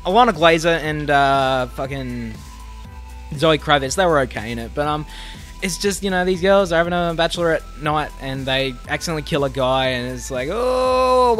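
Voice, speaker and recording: A man's voice: on the high side, a bit bright. A young Australian man ranting casually about bad movies, sarcastic and exasperated, swearing often. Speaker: movie reviewer.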